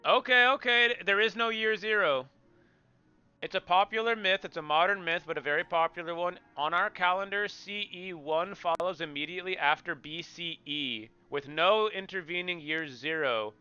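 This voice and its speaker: A man's voice: high-pitched, normal speed, bright, forceful tone, smooth, no echo, dull audio. A man streaming a game, chatting casually with viewers in a joking, rambling way and repeating himself.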